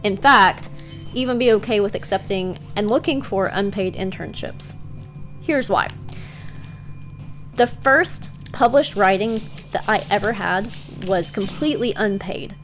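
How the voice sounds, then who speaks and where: Woman, Eastern Kentucky accent, medium pitch, casual vlog advice, conversational and encouraging, background music. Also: lively intonation, normal speed. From Eastern Kentucky, United States. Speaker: freelance writer giving career tips.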